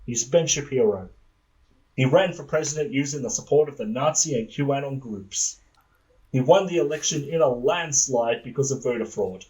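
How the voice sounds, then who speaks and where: A podcast host telling an absurd comic story in a deadpan, rambling way. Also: male voice, medium pitch, normal speed, low-quality recording. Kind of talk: comedic storytelling.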